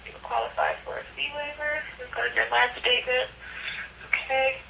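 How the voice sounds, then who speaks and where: Call center lady on a noisy phone line, kinda high bright voice, polite customer service script. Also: fairly even intonation, normal speed, gravelly.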